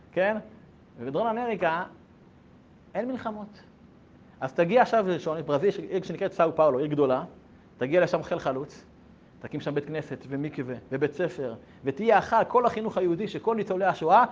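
A man voicing an elderly wise rabbi who gives gentle, reassuring counsel, on a dull lo-fi recording. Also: lightly acted. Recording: dull lo-fi recording with faint rumble.

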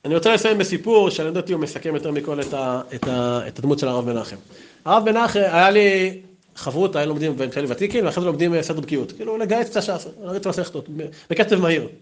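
Lively storytelling man, fairly high voice. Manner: lively storytelling with acted-out quotes. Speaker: speaker at a memorial talk. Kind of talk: storytelling memorial talk.

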